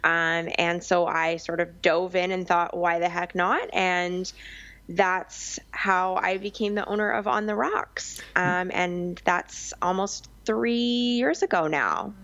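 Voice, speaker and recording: A young adult woman from Vancouver Island, Canada, talks about her business as a guest in a conversational interview, often saying um and restarting her sentences. Her voice sits on the low side, with fairly even intonation, a slow pace, and a fairly bright tone. The recording is lo-fi.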